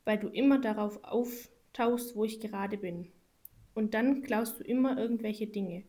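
A woman's voice: mid-range voice, a little slow, dark tone, natural voice. Brief: woman playing a cool storybook cat, dry and sceptical. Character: cool, aloof house cat, female.

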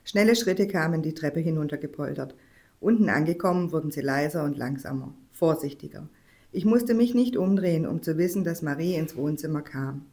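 Woman calmly reading a children's story. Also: deep voice, fairly quick. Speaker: reader.

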